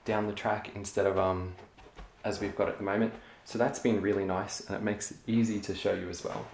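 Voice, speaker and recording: Young man, lowish voice, casual show-and-tell vlogger, echoey carpeted room. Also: brisk, vocal fry. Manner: relaxed, chatty, frequent ums. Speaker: LEGO hobby vlogger. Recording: echoey room, faint noise.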